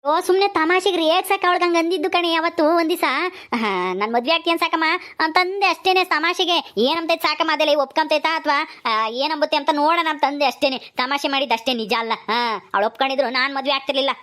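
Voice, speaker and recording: A woman's voice: high voice, quick pace, fairly bright tone. A woman voicing a fond elderly village husband who jokes and soothes his wife. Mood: pleading. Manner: soothing, coaxing, rustic village speech.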